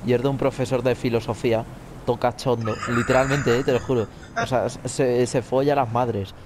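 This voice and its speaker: A man's voice: mid-range voice, steady tone, brisk. Give me a young man co-hosting a podcast, casual and crude, over a noisy background. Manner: crude, joking, laughs often. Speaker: podcast co-host. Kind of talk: casual chat while gaming.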